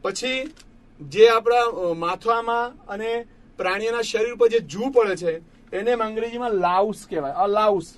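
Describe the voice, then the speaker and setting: Brief: male teacher, high voice, patient and repetitive, chats warmly with students as friends. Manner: patient, repeats each word slowly for students; addresses listeners as friends. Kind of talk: classroom lesson explaining English grammar.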